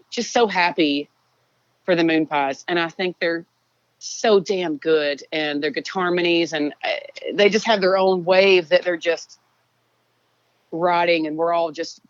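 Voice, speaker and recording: A low-voiced woman from Texas, appearing as a songwriter guest, chats casually in an interview. Her tone is dry and dull, her singing voice low, and she rambles in a relaxed way full of fillers, with no room sound.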